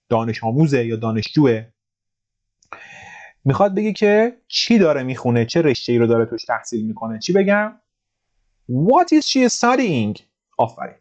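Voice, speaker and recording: A man teaching an English grammar lesson, walking through exercises with joking asides and slow, careful readings of the example sentences. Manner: lively, reads English examples slowly and higher, joking asides. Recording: dull lo-fi recording.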